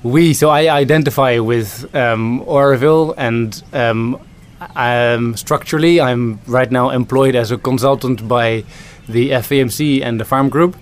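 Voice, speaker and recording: A man's voice: mid-range voice, steady tone, measured pace, few pauses. A man from the Netherlands, a food system consultant answering interview questions thoughtfully, with many ums and restarts.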